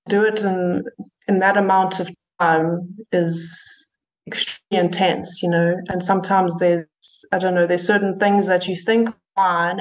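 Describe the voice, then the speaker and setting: In a casual interview, a woman musician with a lowish voice answers hesitantly, with many fillers and restarts. The audio quality is poor.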